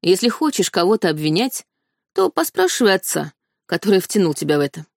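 A woman's voice: lowish voice, big pitch swings, a little fast, gravelly, no room sound, clean studio sound, heavily acted. A woman voicing a firm young man who sharply rebukes a girl in his sister's defense.

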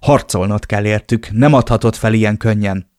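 A man's voice: lowish voice, darkish tone, no room sound, clean studio sound, lightly acted. A man voicing a worried older sister who pleads with her brother urgently and insistently, in an audiobook.

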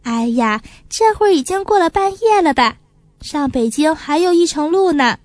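A woman voicing a busy, kindly grown female magpie in a storybook reading, brisk and warmly teasing. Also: high voice, expressive, dry recording, soft background music.

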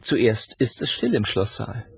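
A man narrating a children's story in an expressive, animated way. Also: on the low side, unhurried, gravelly, husky, no room sound. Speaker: audiobook narrator. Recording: dull audio with faint music.

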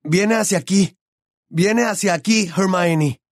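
A man's voice: high-pitched, takes it slowly, dry recording, clean studio sound, pitched above the performer's own voice. A man voicing a brave teenage boy wizard, calling out in a pressed, urgent way in an audiobook. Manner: shouting, pressed.

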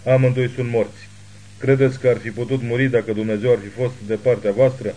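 A man voicing a wounded, defiant gunman who shouts taunts at hidden pursuers in an audiobook. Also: mid-range voice, flat delivery, lightly acted. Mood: defiant taunting. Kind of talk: audiobook character reading.

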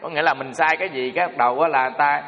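A man's voice: fairly high pitch, fairly even intonation, very fast. A man giving a moral talk to an audience, in a homespun, repetitive manner full of fillers. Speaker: speaker addressing an audience. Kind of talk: moral talk with folksy storytelling. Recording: dull lo-fi sound in a reverberant hall.

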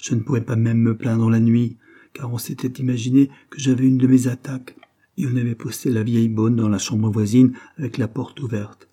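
A man reading a classic novel aloud as an audiobook, narrating in a measured way and raising his voice for agitated dialogue. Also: medium pitch, mellow, slightly rough. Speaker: audiobook reader.

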